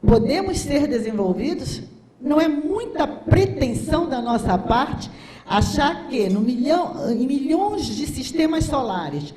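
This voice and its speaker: A woman's voice: sits high, warm tone, slight background noise. A Brazilian woman in her sixties giving an impassioned, rhetorical conference lecture with a Brazilian Portuguese accent. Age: 60s. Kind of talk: conference talk. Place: lecture hall. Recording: echoey hall recording.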